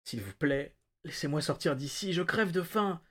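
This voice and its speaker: A man voicing a terrified, starving male prisoner who pleads and whimpers in a high, strained voice. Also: animated, moderate pace, fairly bright tone. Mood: pleading. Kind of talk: audiobook-style reading.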